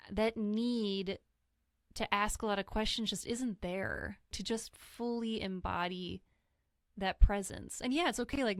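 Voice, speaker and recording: A woman's voice: medium pitch, no room sound, studio quality. A woman talking candidly and reflectively in a podcast conversation, sometimes acting out what other people said to her. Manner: earnest, reflective, acts out quoted voices. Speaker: guest sharing grief experience.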